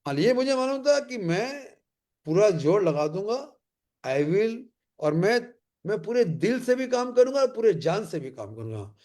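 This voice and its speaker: Emphatic high-voiced male motivational trainer. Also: sing-song, darkish tone. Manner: emphatic and repetitive, with slow English catchphrases. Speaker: leadership trainer.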